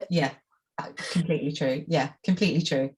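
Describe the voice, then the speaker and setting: A woman hosts a conversational interview in a very low voice. She asks thoughtful, measured questions and sometimes restarts her sentences. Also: steady tone, darkish tone. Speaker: interview host.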